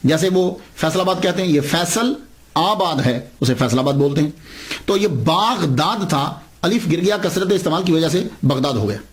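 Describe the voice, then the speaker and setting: Male preacher, high voice, emphatic sermon storytelling, rhetorical questions. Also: brisk.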